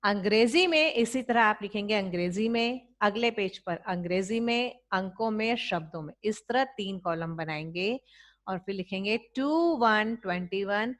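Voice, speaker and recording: An Indian woman teacher giving an online lesson to young children, speaking slowly and drawing out each number so they can repeat after her. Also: mid-range voice, expressive.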